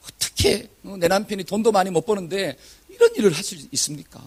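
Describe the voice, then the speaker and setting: A man, a pastor, preaching a sermon in story form, acting out the prayers of the people in it and swinging from hushed asides to loud exclamations. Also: on the high side, slightly rough.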